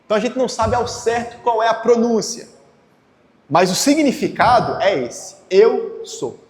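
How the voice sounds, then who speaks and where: A high-pitched man delivers a teaching sermon. He keeps asking his listeners rhetorical questions. His voice rings through a roomy, echoing hall with a long reverb tail. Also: expressive, normal speed. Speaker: preacher. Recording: echoey hall.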